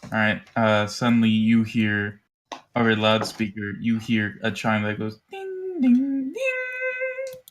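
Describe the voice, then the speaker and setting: Rambling low-voiced male game master. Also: monotone, normal speed, fairly bright tone, slight background noise. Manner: loose, rambling narration with many fillers. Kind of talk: narrating a tabletop game over voice chat.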